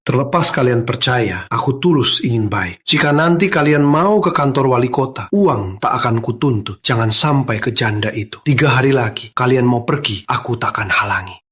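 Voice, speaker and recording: A woman's voice: extremely low pitch, expressive, moderate pace, hardly any pauses, husky, full character voice. A woman voicing a father who earnestly pleads for his children's trust, in a dubbed short drama. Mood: pleading.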